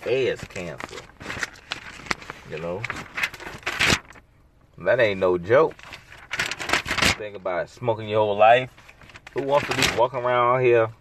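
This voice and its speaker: A man's voice: medium pitch, noisy background. A man hosting a solo podcast, rambling in a casual, sarcastic, blunt way full of slang. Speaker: podcast host.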